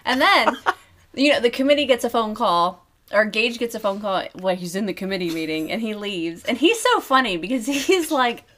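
A woman's voice: fairly high pitch, normal speed. A woman co-hosting a casual chat, retelling a movie scene by scene, acting out the characters' lines and laughing often. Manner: animated storytelling, acts out characters' lines, frequent laughter. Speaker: podcast co-host.

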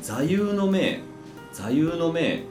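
A man's voice: a little high, very animated, darkish tone. A man with a Kansai accent chatting casually, answering questions hesitantly and thinking aloud over background music. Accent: Kansai Japanese. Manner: hesitant, thinking aloud with drawn-out hums and repeats. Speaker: podcast co-host answering questions. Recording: roomy echo, music underneath.

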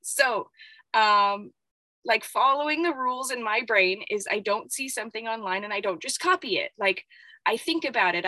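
A woman talking live on a stream, rambling and reflective, thinking out loud with lots of filler words. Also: fairly high pitch, no echo, poor audio. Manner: reflective, self-examining. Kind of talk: unscripted live-stream talk.

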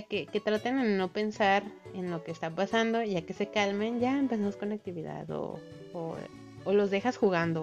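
A young woman with a Mexican accent, casually telling a story to her viewers, swearing and laughing as she goes. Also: medium pitch. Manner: chatty, swears casually, laughs often, acts out voices. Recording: slightly muffled lo-fi recording with faint music.

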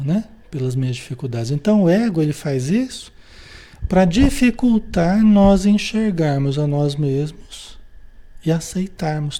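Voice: mid-range voice, mellow. A teacher with a Brazilian accent giving an informal spiritual lesson. The teacher keeps checking in with the group through tag questions and acts out short everyday dialogues. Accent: Brazilian Portuguese.

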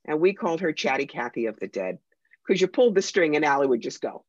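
An American psychic medium talks in an animated, emphatic way with a dry wit. The voice sits in the middle register. The sound is dry and slightly dull, like a modest lo-fi recording. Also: mid-range voice, fast talker, no echo. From United States. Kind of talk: conversational interview storytelling.

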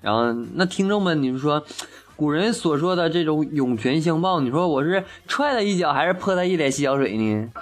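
Chatty male joke teller, a bit high-pitched, playful delivery, soft music bed. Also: expressive, a little fast. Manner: chatty, laughs at own punchlines, acts out quotes. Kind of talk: casual joke telling. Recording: faint music behind.

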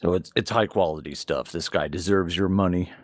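Brisk and low-voiced, this man co-hosts a podcast, talking about games and manga in a frank, profane, casual way. It's studio quality, with no echo.

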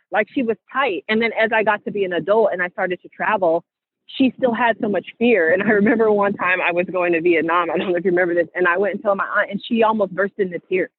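A woman's voice: mid-range voice, husky, no echo. A woman co-hosting a group call, speaking earnestly and building into passionate, rallying talk. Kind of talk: casual inspirational talk. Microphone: phone. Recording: phone line audio.

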